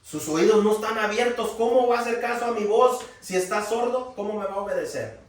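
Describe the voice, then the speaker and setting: A preacher with a high voice delivers a folksy, animated sermon, raising his voice for emphasis. His voice rings through a very echoey hall. He stands some way back from the mic. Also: fairly quick. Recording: very echoey room, from far off.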